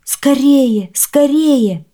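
A woman voicing an eager, lively little boy with a bright, urgent voice. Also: fairly high pitch, measured pace, voice pushed up. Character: eager little boy, later crying from the oven.

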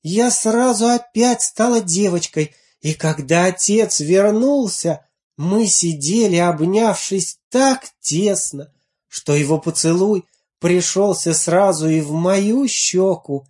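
Slow, tender woman reading a fairy tale. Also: fairly low pitch, warm tone. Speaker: storyteller. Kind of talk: storybook reading.

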